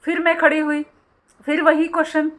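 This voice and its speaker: A woman's voice: high voice, little pitch movement, normal speed, a bit bright. A middle-aged woman hosting a spiritual channel, telling a personal story and giving instructions in a chatty way, often mixing English words into her speech.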